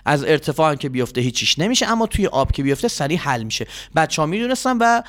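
A man's voice: on the high side, very animated, a bit bright. A man hosting a children's quiz show, patient and polite but flustered by his contestants. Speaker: quiz host.

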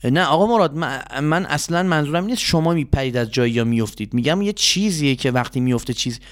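A man's voice: a little high, lively intonation. Polite, flustered man hosting a quiz. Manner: patient, polite, flustered by contestants. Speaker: quiz host. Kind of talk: children's quiz show.

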